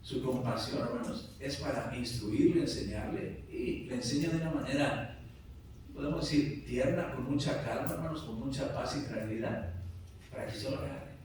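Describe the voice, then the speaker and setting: In a church sanctuary, a pastor with a mid-range, darkish voice speaks at a moderate pace, climbing toward emphatic high points and frequently repeating "hermanos" ("brothers"). The distant recording is very echoey, with slight background noise.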